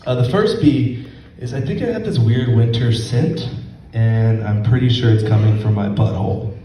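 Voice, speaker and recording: A young man doing a stand-up set, hoarse as he loses his voice, halting and full of ums with a self-deprecating tone. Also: medium pitch, dark tone, a little hiss or hum. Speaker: stand-up comedian. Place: comedy club stage. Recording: roomy, distant, dull lo-fi recording.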